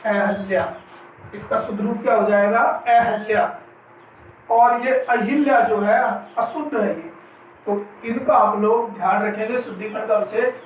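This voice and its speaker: A male Hindi grammar teacher with a high voice leads an exam-prep spelling lesson, stretching out each word slowly and repeating it, and posing questions he then answers himself. The room is very echoey, the mic sits at a distance, and there's faint noise.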